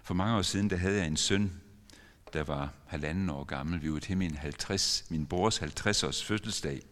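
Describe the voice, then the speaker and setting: A man's voice: sits low, fairly bright tone. An older man preaching a sermon as a pastor, telling a story earnestly with sudden emphatic rises in his voice. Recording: long church reverb.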